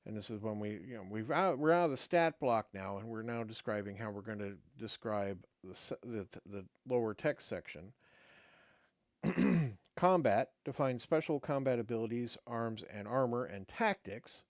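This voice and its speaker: A middle-aged man's fairly low, expressive voice, recorded dry, reads a game rulebook aloud on his own show with casual asides. Between passages he halts, with plenty of fillers and restarts. He's losing his voice, and his dry throat makes it fade.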